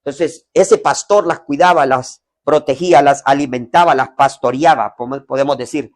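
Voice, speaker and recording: A man preaching an evangelistic sermon in a family home, addressing online listeners, swinging from loud, slow lines down to hushed ones. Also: medium pitch. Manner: dynamic preaching, swells loud then drops to near whisper.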